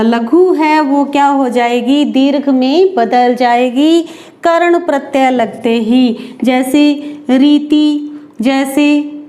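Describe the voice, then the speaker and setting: A woman teaching a grammar lesson for exam students, slow and deliberate, asking and answering her own questions and drawing out example words. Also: high-pitched, warm tone.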